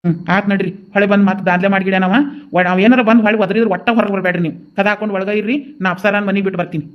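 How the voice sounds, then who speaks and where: A dutiful young village man in a cartoon, voiced by a man who speaks very fast in a high, flat voice. He, and the dubbed sound is dull. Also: close to an everyday voice. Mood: hurried. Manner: hurried, instructing.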